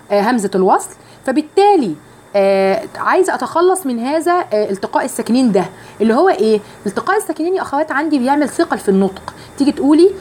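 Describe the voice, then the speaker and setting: A woman with an Egyptian Arabic accent teaching Quran recitation rules to women, explaining each rule, reciting verses slowly and drawn out, and putting questions to her listeners. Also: fairly high pitch, a little mellow, slight background noise. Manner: asks the listeners questions directly. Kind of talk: tajweed lesson for women.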